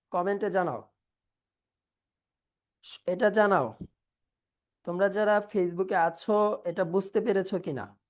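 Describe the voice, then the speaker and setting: A woman's voice: mid-range voice, mellow. A young adult woman, teaching a live online class and asking questions that she then answers herself.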